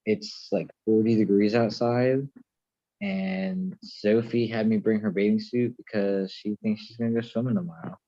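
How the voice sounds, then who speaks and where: Casual male guest on a glitchy phone call, voice warped robotic and deep, dull muffled sound. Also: moderate pace, mellow, dry recording. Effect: distorted robotic, lowered voice from a bad call connection. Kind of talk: casual chat. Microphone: phone on a video call. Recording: muffled, lo-fi video call line.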